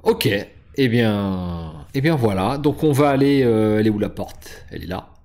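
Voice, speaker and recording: Lowish and a little mellow, this man's voice has lively intonation and a moderate pace as he hosts a board game channel session. He explains rules and moves casually, hesitating often with plenty of fillers and restarts.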